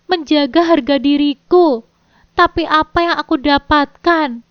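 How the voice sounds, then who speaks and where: A woman's voice: sits high, dry recording, voice pushed up. A woman voicing a betrayed young wife confronting her husband, tearful and pleading. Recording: dull dry lo-fi recording.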